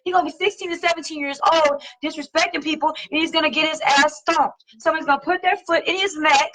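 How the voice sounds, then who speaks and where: Blunt, high bright-voiced woman ranting. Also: fairly even intonation, fast, low-quality recording. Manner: blunt, emphatic, swears freely; lectures listeners directly. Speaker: podcast host. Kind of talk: casual opinionated talk.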